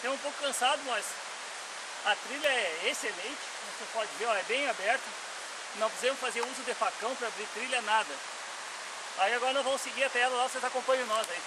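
A young man with a very high voice narrates his forest hike in a relaxed, folksy way, pointing things out as he goes. He is recorded on a handheld camera mic outdoors. Loud hiss and the rush of a waterfall fill the background. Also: quick pace. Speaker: outdoor bushcraft vlogger. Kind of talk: casual guided trail commentary.

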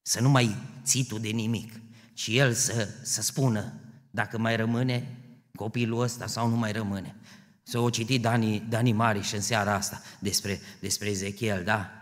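A man preaching a sermon in a church. He moves from quiet storytelling to loud, impassioned peaks. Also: fairly low pitch, steady tone. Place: church sanctuary. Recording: long church hall reverb.

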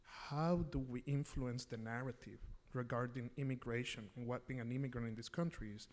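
A young man from El Salvador, a graduate student, poses a question at a standing microphone. His voice sits at an ordinary pitch, and his delivery is deliberate and earnest. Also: fairly even intonation, darkish tone. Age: young adult. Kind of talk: audience question. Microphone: standing mic.

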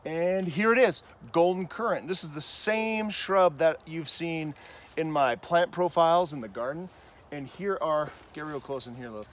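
On a walking nature vlog, a man in his thirties with a fairly high, fairly bright voice talks a little slowly. Chatty and enthusiastic, this gardening vlogger points out plants along an outdoor trail, recorded on the mic of his handheld camera.

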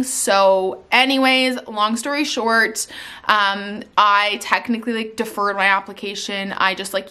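A young Canadian woman vlogs a casual life update from her living room sofa, seated in front of the camera. She's chatty, filling her speech with "like" and "um." Her voice is mid-range with a sharp tone.

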